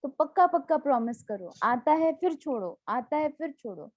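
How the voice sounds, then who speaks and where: A woman's voice: sits high, sing-song, moderate pace, darkish tone, no echo, muffled recording. Woman teacher giving a devotional class. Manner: explains with homely examples, asks listeners questions. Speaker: spiritual teacher.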